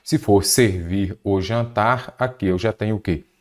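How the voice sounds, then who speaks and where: A man's voice: lowish voice, a little slow. A man teaching an exam-prep grammar lesson, patiently posing questions and answering them himself. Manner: patient, asks and answers his own questions. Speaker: Portuguese teacher.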